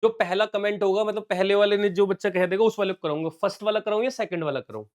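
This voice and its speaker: On a live stream, a male commerce teacher solves exam questions step by step, working sums aloud and mixing English terms into his speech. His voice is high and quick, and he calls viewers "beta" and "bachche".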